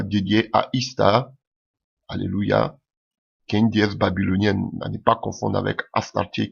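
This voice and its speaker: A low-voiced preacher from Ivory Coast delivers a sermon, dropping hallelujah between his phrases and repeating words as he goes. His voice is gravelly and husky. The recording is dull and lo-fi.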